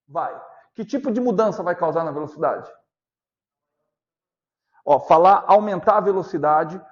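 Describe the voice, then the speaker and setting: A Brazilian male physics teacher giving a class lecture, often stopping to ask whether students are following and repeating key points slowly. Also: high-pitched, muffled recording. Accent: Brazilian Portuguese. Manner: asks constant check questions, repeats points slowly.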